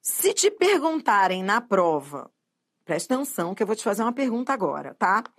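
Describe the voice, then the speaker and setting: A middle-aged Brazilian woman teaching grammar for exams, quizzing listeners with repeated questions and drawing out key terms slowly. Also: mid-range voice, big pitch swings. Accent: Brazilian Portuguese. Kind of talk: exam-prep grammar lesson.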